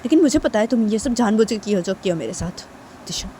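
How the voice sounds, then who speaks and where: A woman's voice: medium pitch, animated, fast, warm tone, slight background noise, lightly acted. A woman voicing an angry young woman in a homemade storytelling video, insisting over and over that she was wronged. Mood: angry, accusing. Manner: insistent, repeats herself stubbornly.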